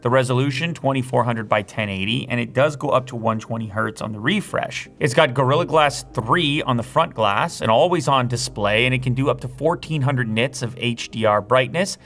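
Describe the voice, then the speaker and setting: A man hosting a hands-on product review, explaining features and reading off specs in a brisk, explanatory way. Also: medium pitch, fairly bright tone. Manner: brisk, spec-listing, explanatory. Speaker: tech reviewer host.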